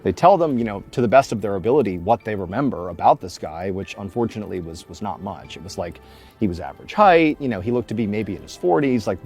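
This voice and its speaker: A man's voice: lowish voice, vocal fry, darkish tone. A man telling creepy true stories in an informal, dramatic way, conversational and emphatic as he builds suspense. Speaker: storyteller, host of a story show.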